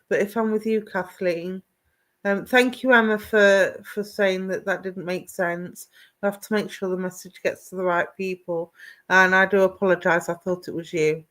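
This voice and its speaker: This woman is a psychic medium doing live online readings, addressing viewers by name with warm affection and calling them "my darling." She asks if things make sense, and her mid-range voice has a fairly bright tone.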